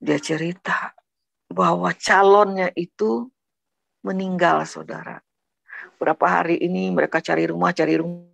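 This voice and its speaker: Middle-aged woman, earnest testimony teller, very gravelly voice, voices the dialogue she recalls, dry close sound. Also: fairly low pitch, fairly even intonation, normal speed, pauses often, no echo. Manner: earnest, keeps addressing listeners as brothers and sisters; acts out quoted dialogue. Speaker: woman giving a conversion testimony. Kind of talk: personal testimony storytelling.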